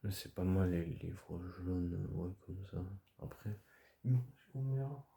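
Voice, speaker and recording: A video creator, a man with a cold, talks casually to the camera in a hoarse, stuffy-nosed voice, coughing now and then. His voice is very low and mellow, and he speaks slowly. He hesitates and rambles, with lots of fillers and frequent restarts.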